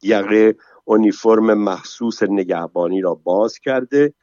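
A man narrating a story in a steady, measured storytelling manner. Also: on the low side, dry recording. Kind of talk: scripted narration. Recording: dull lo-fi dry recording.

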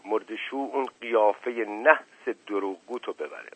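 A man's voice: lowish voice, a bit bright, slightly rough, no room sound. A man voicing a stern, hot-tempered older uncle who scolds and rages, in an audiobook reading. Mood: furious. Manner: scolding, indignant. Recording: narrow phone-like radio recording.

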